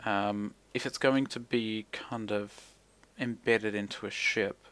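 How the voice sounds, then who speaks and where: Speaking slowly and steadily, this young man has a low-leaning, fairly bright voice and a broad New Zealand accent. He's a gaming video creator in an indoor room at home, laid-back and slangy as he commentates on his play, with mumbled asides.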